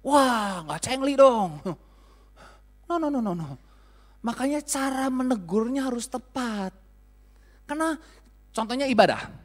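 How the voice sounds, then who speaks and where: A man's voice: extremely high pitch, animated, unhurried, long pauses. Male pastor, thirties, sermon, chatty and joking, acts out scoldings.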